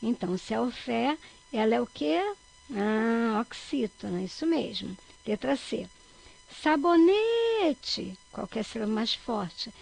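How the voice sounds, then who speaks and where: A woman from Brazil, a teacher, giving a recorded grammar lesson for children. She checks in often with her listeners and stretches out key words loudly to stress their syllables. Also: fairly high pitch, normal speed, gravelly, breathy edge, rough recording. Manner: checks in with frequent "tá bom?".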